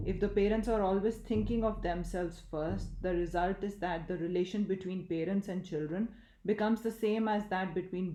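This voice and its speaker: A woman reading a spiritual book aloud in a measured, even way, in an echoey room. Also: lowish voice. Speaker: audiobook reader.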